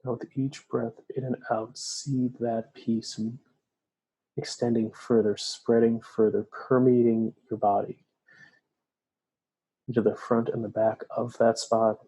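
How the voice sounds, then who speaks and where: Male meditation guide, mellow and breathy, calm soothing delivery. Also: medium pitch, rough recording. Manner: slow, soft, soothing instructions.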